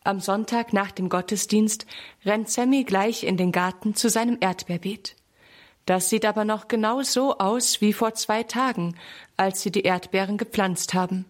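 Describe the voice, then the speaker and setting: Woman, narrator, children's storybook, clear even reading, medium pitch. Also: normal speed.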